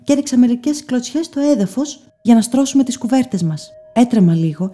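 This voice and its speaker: A woman giving first-person scripted story narration in a soft, measured, dreamy way. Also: a little high, expressive, soft background music.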